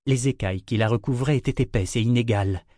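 A man's voice: mid-range voice, fast, dark tone, dry recording. Man reading a story, dry sound. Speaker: narrator. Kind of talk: audiobook narration.

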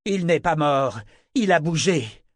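Guy doing a fierce young fighter yelling, a bit raised pitch, dry storybook read. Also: expressive, takes it slowly, dry recording. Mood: frantic. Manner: bawling, urgent. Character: fierce grieving young man, warrior.

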